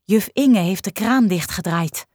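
A woman narrates a children's storybook in a clear, expressive reading voice. She takes it slowly and lets her pitch rise and fall in a lively way. The recording is close and dry. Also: dry recording.

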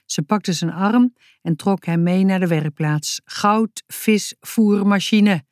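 A woman's voice: on the low side, a little slow, dark tone, no room sound, studio quality. Woman telling a children's story. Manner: clear, storytelling. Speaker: audiobook narrator. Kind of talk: scripted narration of a children's book.

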